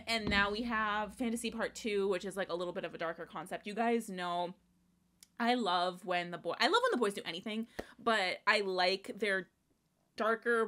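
A young woman giving casual reaction commentary on a music video, excitable and gushing, swearing casually and trailing off into restarts. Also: medium pitch. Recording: faint music playing behind. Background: faint music.

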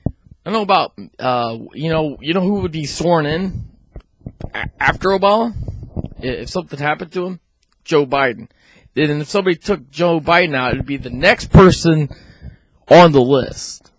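A man's voice: on the high side, animated, moderate pace, pauses often, a little hiss or hum, rough recording. A man in his thirties, a video blogger speaking a little oddly after oral surgery, giving an indignant, opinionated rant to camera. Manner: indignant, rhetorical questions. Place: small room at home. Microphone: handheld microphone close to the mouth.

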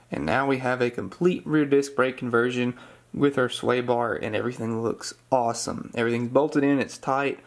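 A young man in his garage, walking through a car restoration step by step in a relaxed, explanatory way with the odd corny joke. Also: medium pitch. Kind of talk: hands-on how-to narration. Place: home garage.

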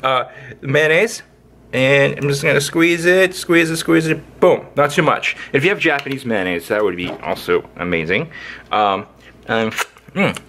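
A man's voice: medium pitch, animated, a little slow, a bit bright, a little hiss or hum. A man hosting a casual cooking video, talking playfully as he works in his kitchen with sing-song sound effects. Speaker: home cook, channel host. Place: indoor kitchen, overhead camera on hands.

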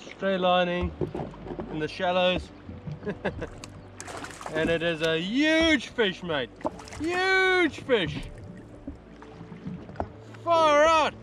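Here the same young Kiwi vlogger sounds high-pitched and animated but talks extremely slowly, pausing often, as he fishes from his jet ski at sea and laughs frequently through casual commentary. Background noise comes through on the ski-mounted action camera.

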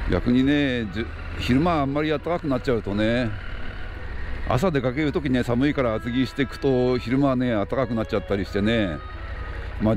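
A middle-aged man chatting casually and ramblingly by himself as a motorcycle vlogger, recorded while riding. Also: medium pitch. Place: outdoors, riding a motorcycle on streets. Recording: outdoor motorbike ride, clear road noise.

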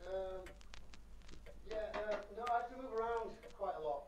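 A man's voice: high-pitched, animated, moderate pace, darkish tone, recorded from a distance. Fake vampire guy, stammery and crude, echoey and noisy. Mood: hesitant. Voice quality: hesitant, crude. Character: shifty young man posing as a vampire. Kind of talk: horror game acting.

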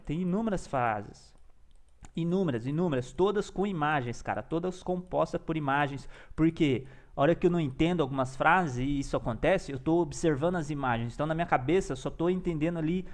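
Chatty man with a higher voice. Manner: chatty, enthusiastic, peppers talk with slang and tags. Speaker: language learner and teacher. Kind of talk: casual vlog-style lesson.

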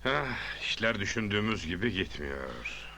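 Comedy film schemer, businessman with piercing bright delivery, animated pitch, faint noise. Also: normal speed. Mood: scheming. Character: scheming male land-buying businessman. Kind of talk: Turkish comedy film dialogue.

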